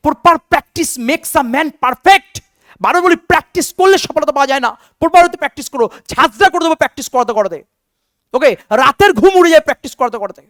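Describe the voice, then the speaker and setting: A man, teaching an exam-prep lesson in a high, quick voice. He fires the same question again and again and answers it himself to drill the point. The sound is dry and close, with no room around it. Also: animated, a bit bright, no room sound. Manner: drills answers with repeated questions, calls students "বেটা".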